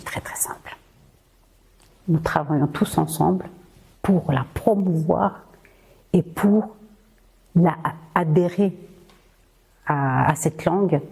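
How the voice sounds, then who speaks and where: Born in Rwanda with Kinyarwanda as her first language, this woman hosts a podcast and delivers an impassioned monologue, earnestly rallying her listeners. Her low-pitched voice is warm and slightly rough, broken by frequent hesitations and repeated words, on a low-quality recording.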